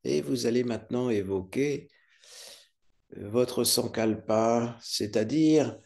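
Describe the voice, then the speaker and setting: Slow, mellow man guiding deep relaxation. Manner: calm, soothing, unhurried with long pauses. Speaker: yoga nidra instructor leading a guided relaxation. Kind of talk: guided meditation.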